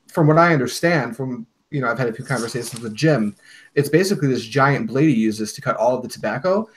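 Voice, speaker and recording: A man hosting a casual livestream chat, easygoing, agreeable and talkative, reading comments from the chat. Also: mid-range voice. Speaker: livestream host. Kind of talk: casual livestream chat about hookah tobacco.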